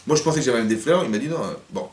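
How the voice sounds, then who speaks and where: A man teaching a lively interactive class as a rabbi, acting out little scenes and putting questions to his listeners. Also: medium pitch, very fast. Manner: animated, acts out little scenes, questions the audience. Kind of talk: lively interactive Torah lesson. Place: community hall. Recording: echoey room, mic at a distance.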